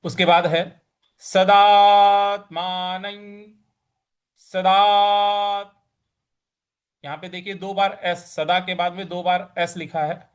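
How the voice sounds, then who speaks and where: A man's voice: high-pitched, little pitch movement, extremely slow, long pauses, clean tone. A man teaching scripture recitation, drilling pronunciation syllable by syllable and chanting verses in a melodic sing-song. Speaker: Gita teacher. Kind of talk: recitation lesson.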